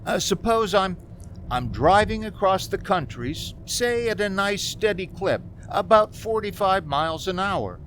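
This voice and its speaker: In a 1940s-style radio drama recorded at a community theater with faint background noise, a man plays an anxious, haunted young man driving cross-country alone. His voice sits high and fairly bright, animated yet measured in pace, and he stammers in a nervous, halting, hesitant, pleading way through both acting and narration.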